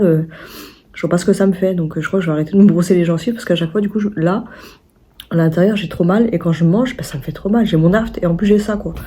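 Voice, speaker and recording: Indoors at home, a young woman vlogs in a chatty, rambling way, restarting often and using plenty of fillers. Her voice is on the low side with a dark tone, and a faint hiss or hum can be heard.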